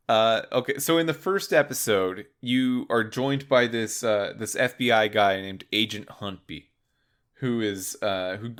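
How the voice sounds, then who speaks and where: Low-voiced man, halting casual explainer. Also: fairly bright tone. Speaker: podcast co-host. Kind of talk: casual game discussion.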